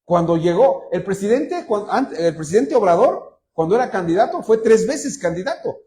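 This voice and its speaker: A man with a Mexican accent preaching a sermon from a church pulpit, telling stories in an animated way and acting out quotes. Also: high voice, normal speed. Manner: animated storyteller, acts out quotes. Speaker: pastor.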